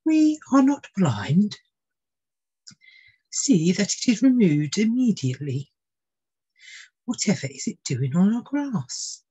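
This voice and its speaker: A woman's voice: mid-range voice, big pitch swings, takes it slowly, pauses often, warm tone, husky, pitched above the performer's own voice, heavily acted, rough recording. A woman voicing an imperious elderly queen, haughty and commanding, in a children's storybook reading. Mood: haughty displeasure. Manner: imperious, clipped royal commands.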